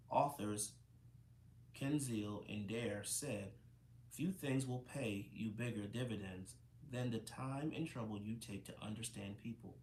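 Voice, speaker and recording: A man's voice: medium pitch, darkish tone, a little hiss or hum. A man reading a book aloud, often stumbling over words and correcting himself. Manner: stumbling, self-correcting reader. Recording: roomy echo, faint ambience.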